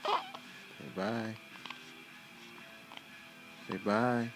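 A man's voice: mid-range voice, huge pitch swings, very slow, low-quality recording. A father filming his baby at home, teasing her in a playful way. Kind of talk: casual home video. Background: loud music.

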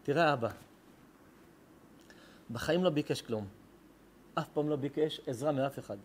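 A rabbi man preaching to his congregation in an emotional storytelling sermon. His voice sits a little high for a man, and he swings dramatically between hushed, tender passages and sudden loud bursts. He retells conversations with plenty of feeling. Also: a little hiss or hum. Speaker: rabbi giving a lesson. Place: synagogue lesson hall.

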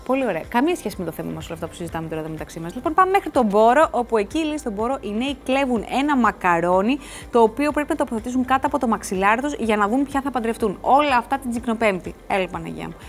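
A woman's voice: fairly high pitch, animated. A woman hosting a TV show, talking casually to the camera in a rambling way, full of asides and restarts. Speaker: TV show host. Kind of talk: casual studio chat to camera. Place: TV studio.

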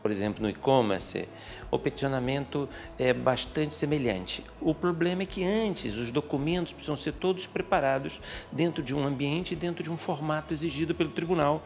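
A middle-aged man, a lawyer, answering interview questions in a small office, speaking in a measured, methodical way with frequent hesitant fillers. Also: on the high side, gravelly. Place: small office with bookshelves, indoors. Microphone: handheld interview mic.

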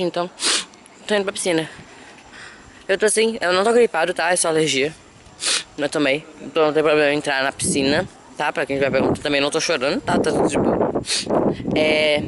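High-voiced chatty Brazilian guy. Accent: Brazilian Portuguese. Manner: chatty and dramatic, exclaiming often. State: sniffling from allergies. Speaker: vlogger. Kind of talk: casual vlog chat. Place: outdoors by a pool at a beach house at night. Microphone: handheld camera. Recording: noisy outdoor camera audio.

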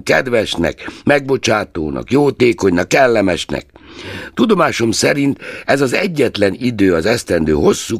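An earnest, good-hearted young man argues warmly for his view, played by a male storyteller. His pitch moves a lot and rises above the reader's low base. The sound is dry and close. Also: no echo. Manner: earnest, warm pleading. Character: cheerful, persuasive young nephew.

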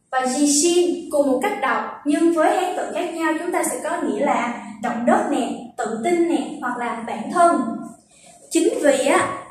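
A young woman teaching Japanese vocabulary, patiently explaining and slowly repeating words to show their pitch accent. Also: a little hiss or hum. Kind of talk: vocabulary lesson. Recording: very echoey room, distant from the mic.

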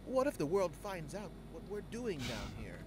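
A man's voice: high voice, wildly swooping pitch, moderate pace, noisy background. An actor voicing a nervous, worried male scientist in a game, speaking formally.

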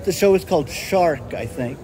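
A man filming as he walks outdoors, chatting casually and rambling with halting restarts. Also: a little high, lively intonation, dark tone. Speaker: vlogger filming a walk. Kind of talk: casual chat while walking. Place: outdoors by a convention center and parking lot. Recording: outdoor street noise.

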